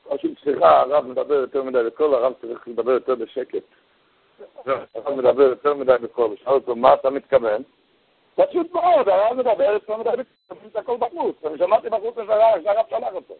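A man giving a storytelling sermon, animated, his voice leaping high whenever he acts out the people in his story. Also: gravelly, husky. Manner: animated storytelling, voice jumping high for quoted characters. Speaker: rabbi giving a Torah talk. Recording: tinny phone-like radio broadcast.

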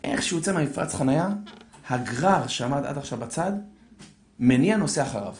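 A man telling a story to an audience in an animated way, building suspense and acting out the characters, in an echoey room. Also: mid-range voice. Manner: lively, acts out voices, builds suspense.

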